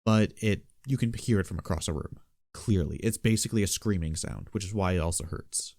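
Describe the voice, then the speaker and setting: A man with a lowish, gravelly voice talks through a casual beatbox tutorial. His delivery is relaxed and matter-of-fact, like someone explaining a technique to friends. The sound is close and dry. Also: fairly quick, no echo.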